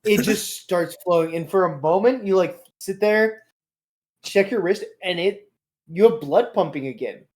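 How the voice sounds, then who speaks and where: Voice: medium pitch, a little slow, a little mellow. A game master explaining the rules and narrating a tabletop game, hesitant, with many ums.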